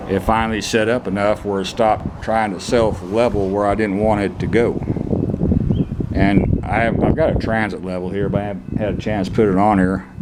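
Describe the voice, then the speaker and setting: A man's voice: fairly low pitch, a little mellow, slight background noise. A man on a casual DIY vlog, talking bluntly with plain rural slang while showing off a concrete floor in an old kennel building. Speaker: DIY vlogger.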